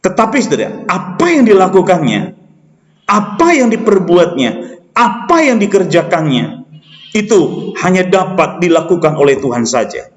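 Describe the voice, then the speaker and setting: A man delivers a sermon in a very high voice. He pushes his listeners with repeated rhetorical questions and addresses them as brothers and sisters. His voice rings through a roomy hall with a long, echoing tail. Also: very animated, moderate pace. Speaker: preacher. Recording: echoey hall.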